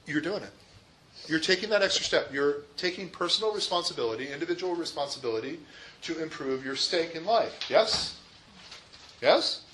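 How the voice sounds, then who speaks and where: A man's voice: fairly high pitch, expressive, normal speed, a bit bright, slight background noise, poor audio. A man giving a classroom history lecture in an emphatic way, often asking his listeners rhetorical questions. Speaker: history teacher.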